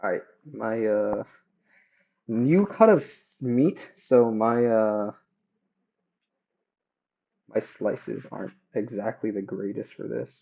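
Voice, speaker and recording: A man's voice: lowish voice, vocal fry. Young dude streaming casual chat from his kitchen, kinda hesitant, headphones as mic so it sounds like a phone call. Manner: hesitant, halting, self-questioning. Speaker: livestreamer cooking at home. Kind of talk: casual rambling chat while cooking. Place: home kitchen. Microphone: headphones used as a phone mic.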